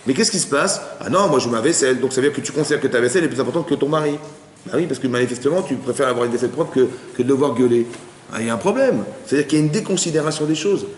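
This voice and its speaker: A man gives a quick, animated class to listeners in a study hall, checking often that they follow. His voice carries a long, roomy reverb from the hall, with a faint hiss underneath. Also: mid-range voice. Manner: lively, conversational, often asks the audience if they follow. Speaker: rabbi. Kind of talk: informal Torah class.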